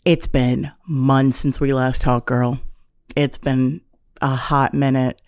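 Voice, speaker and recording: A woman in her twenties hosts her own podcast solo from her apartment, chatting casually and poking fun at herself in a confessional way. Her voice is rumbling and low, darkish, clear and resonant, with a level tone and a slow pace. Recorded on an on-camera setup, the sound is clean and studio-like with no room sound.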